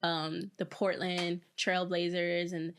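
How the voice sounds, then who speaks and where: A woman's voice: lowish voice, slow pace, a little hiss or hum. A young woman in her twenties, a former pro dancer, chatting casually as an interview guest and acting out what others said. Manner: chatty, animated, acts out quotes.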